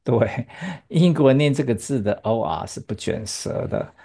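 Speaking at a normal speed with an extremely low, husky, creaky voice that stays warm and animated, a woman teaches English pronunciation. She patiently explains in Chinese and drills words one by one with a student, posing rhetorical checks, in a bilingual lesson.

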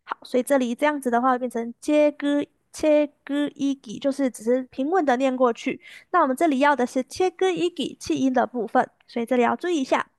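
A woman teaching a language lesson, patiently repeating words slowly and clearly for her students. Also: sits high, a little mellow, dry recording, studio quality.

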